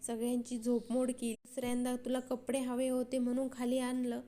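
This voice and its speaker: A woman's voice: a little high, completely flat delivery, brisk, dark tone, close to an everyday voice. A woman voicing a proud young man who teases and mocks, retold in a storybook manner. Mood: smug. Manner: mocking and smug. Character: teasing proud young man, smug and mocking.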